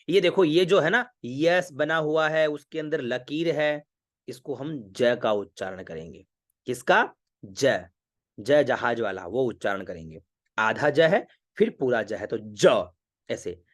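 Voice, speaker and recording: A man leads an online class in Vedic recitation, drawing out syllables slowly and saying them again and again. His voice sits a little high and rings bright. He talks unhurried and exact, like a teacher checking every sound. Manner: patient, repeats syllables slowly, drills pronunciation. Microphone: video call.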